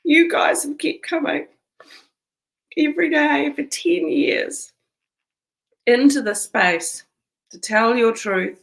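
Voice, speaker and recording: A woman's voice: high voice, takes it slowly, creaky, long pauses, rough recording. A woman, the community manager of a support site, speaking straight to her members in an earnest, emotional personal address. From New Zealand. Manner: emotional, earnest, tearful at times. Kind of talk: heartfelt personal address to camera.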